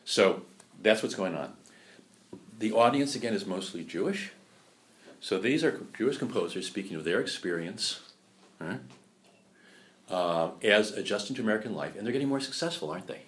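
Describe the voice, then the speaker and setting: A man giving a lecture, chatty and animated, often asking rhetorical questions and laughing at his own points. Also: on the low side, normal speed, pauses often. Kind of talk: lecture on musical theater history.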